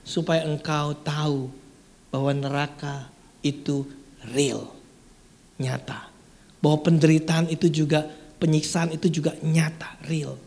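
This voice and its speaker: Preacher voicing the Lord, low and hushed. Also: level tone, slow, hardly any pauses. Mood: solemn. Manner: low, hushed, near whisper. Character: calm Lord speaking softly.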